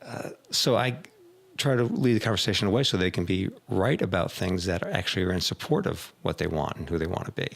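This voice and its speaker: A middle-aged man, an executive coach hosting a casual talk, who tells animated stories and acts out his clients' voices. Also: low-pitched, fairly quick, gravelly. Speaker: executive coach, podcast host. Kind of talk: casual conversation.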